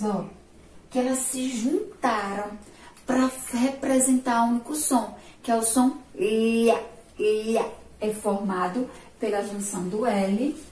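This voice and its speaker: A woman teacher from Sergipe in Brazil with a Sergipe accent, giving a remote literacy lesson to young children, slow and patient, praising answers and drawing out syllables. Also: a little high, a little mellow. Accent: Sergipe Brazilian Portuguese. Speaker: primary school teacher. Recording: echoey room, voice from a distance.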